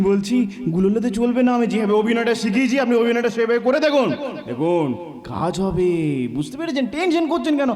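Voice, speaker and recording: A man's voice: very high-pitched, lively intonation, fast talker, a crowd in the background. A man playing a cheeky brother-in-law who keeps reassuring, in a folk stage comedy. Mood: coaxing. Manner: chirpy and coaxing. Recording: live stage recording with audience.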